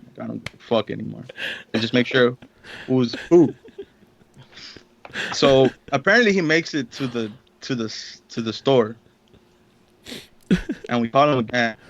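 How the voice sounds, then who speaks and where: A man's voice: medium pitch, expressive, measured pace, vocal fry, long pauses, a bit bright, lo-fi sound, a little hiss or hum. Slangy young man telling a wild story. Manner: slangy, swears a lot, acts out quotes. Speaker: podcast co-host telling a story. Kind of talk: casual profane storytelling.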